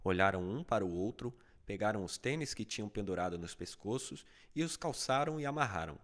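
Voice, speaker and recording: A man narrating a fable as an audiobook, with steady, even storytelling. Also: on the low side, a little fast.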